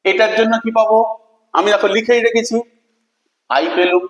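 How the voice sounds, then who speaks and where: A man's voice: sits high, moderate pace. A male teacher giving a classroom spelling lesson, asking questions and spelling words out letter by letter. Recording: echoey room with long reverb.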